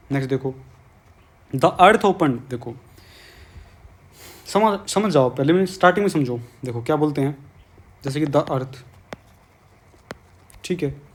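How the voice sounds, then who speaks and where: A man's voice: medium pitch, darkish tone, a little hiss or hum. A man with a Hindi accent teaching an exam-prep English grammar lesson, coaxing students and repeating his questions.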